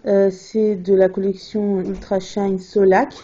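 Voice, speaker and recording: Young woman, beauty haul vlog, chatty, halting with fillers, dull lo-fi phone recording. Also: medium pitch, flat delivery, dark tone. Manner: chatty, hesitant, many fillers and restarts. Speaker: beauty vlogger. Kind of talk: casual product haul chat.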